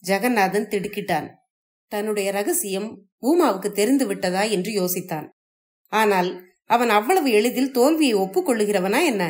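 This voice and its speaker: A woman narrates a family short story for an audiobook in a steady, measured telling. Her voice sits at an ordinary middle pitch.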